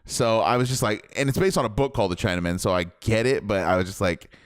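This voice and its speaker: A young man co-hosting a podcast, chatting casually and jokily about a film in a rambling, animated way. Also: fairly low pitch, quick pace, clean tone, no room sound, clean studio sound. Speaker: podcast co-host. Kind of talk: casual film review chat.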